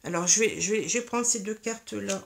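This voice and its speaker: A woman's voice: mid-range voice, fairly quick, vocal fry, a little hiss or hum. A woman with a French accent reads tarot cards to her viewers, speaking hesitantly with many fillers while she has hiccups. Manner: hesitant, many fillers and tags like "hein" and "vous voyez". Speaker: tarot card reader. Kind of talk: spiritual tarot reading to viewers.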